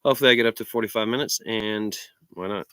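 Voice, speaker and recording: A man's voice: fairly low pitch, quick pace, pushed and bright, clean tone, no echo. An American man, stoned, rambles casually on a livestream in a meandering, slangy stoner manner. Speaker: livestream vlogger.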